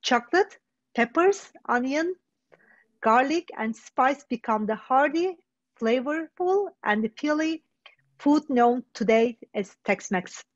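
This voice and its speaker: High-voiced woman reading a presentation. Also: lively intonation, slow. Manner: careful, reading aloud. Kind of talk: read presentation. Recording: dull lo-fi sound.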